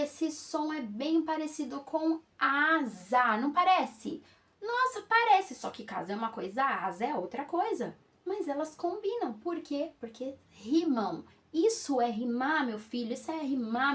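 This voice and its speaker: Lively woman teacher explaining early reading. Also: high-pitched. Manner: lively, sing-song demonstrations with frequent "tá?" check-ins. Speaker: pedagogue and literacy educator. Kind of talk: casual teaching to camera.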